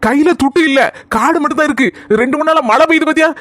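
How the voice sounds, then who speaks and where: A woman voicing a boastful, penniless husband in a comic cartoon, with a Kanyakumari Tamil accent and a teasing, smooth-talking manner. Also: high-pitched, rapid-fire, a bit bright, dry recording. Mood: scheming. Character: boastful broke husband back from abroad.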